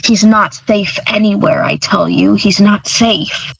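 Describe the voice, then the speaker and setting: A woman's voice: mid-range voice, steady tone, slow, vocal fry, a crowd in the background, poor audio. A woman voicing a cocky male hunter who taunts and shrugs things off. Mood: taunting. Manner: teasing, taunting.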